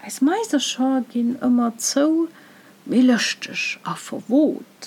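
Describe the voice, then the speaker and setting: A woman reciting a rhyming dialect tale in a measured, rhythmic way. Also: high voice, expressive, darkish tone, husky. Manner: measured, rhythmic verse delivery. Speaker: storyteller.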